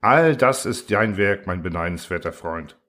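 A cold, self-important machine with a metallic ring to its voice, as a man puts it on. It talks down to its makers with calm, smug indifference, like an audiobook villain. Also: low-pitched, normal speed. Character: vain, cold, boastful thinking machine. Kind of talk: audiobook reading.

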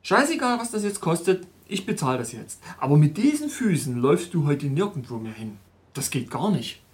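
A man voicing a calm, resolute male travel companion who gives firm, practical advice in a storytelling podcast. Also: on the high side, moderate pace.

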